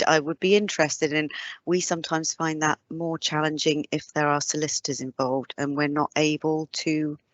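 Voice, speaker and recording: A woman's voice: deep voice, no echo. A woman co-presenting on a video call, speaking hesitantly and reflectively, with many fillers. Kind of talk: webinar discussion. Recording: dull, dry lo-fi call audio.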